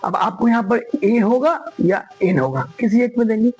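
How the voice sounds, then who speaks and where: High, husky-voiced male grammar teacher. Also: animated, normal speed, darkish tone, faint music behind, poor audio. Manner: emphatic, repeats points and quizzes students. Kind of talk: classroom lesson explaining grammar.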